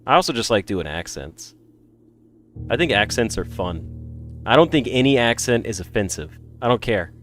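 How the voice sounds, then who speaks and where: A man's voice: mid-range voice, big pitch swings, normal speed, fairly bright tone, soft background music. A man from the American South with no regional accent, chatting casually and jokingly as a gaming streamer. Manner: rambling, joking. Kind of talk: casual chat.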